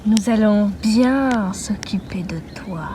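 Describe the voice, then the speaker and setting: A young woman voicing a cruel female killer in a fan-made doll drama, speaking in a slow, taunting, gloating way. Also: fairly high pitch, a little hiss or hum, natural voice.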